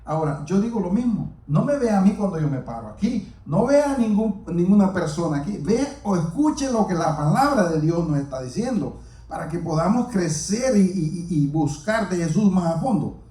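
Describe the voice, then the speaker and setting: A man's voice: high-pitched, sing-song, normal speed, mellow. A man preaching a sermon, speaking earnestly and repeating himself as he addresses the congregation directly. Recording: roomy echo, mic far off.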